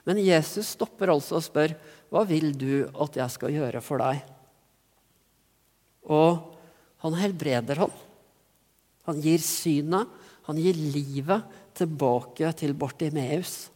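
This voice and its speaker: A man's voice: on the high side, long pauses, a little mellow, big-room sound. A man from Norway giving an earnest, reflective sermon with rising emphasis in places. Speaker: pastor.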